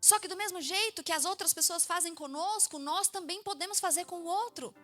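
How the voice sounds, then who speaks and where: A woman in her thirties with a Brazilian Portuguese accent, a pastor preaching a sermon in a church, telling stories with lively acted-out voices. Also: very high-pitched, brisk, faint music behind. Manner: lively storytelling, acts out quoted voices.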